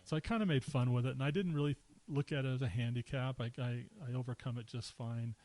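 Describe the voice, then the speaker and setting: A man's voice: mid-range voice, quick pace, rough recording. A middle-aged man, a podcast guest, casually telling personal stories, acting out quotes and chuckling as he goes. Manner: relaxed anecdotes with chuckles and acted-out quotes. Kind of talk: casual storytelling.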